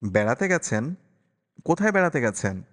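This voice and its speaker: A man's voice: mid-range voice, big pitch swings, normal speed. A man voicing a curious young schoolteacher. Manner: gently probing questions. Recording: long reverberant echo.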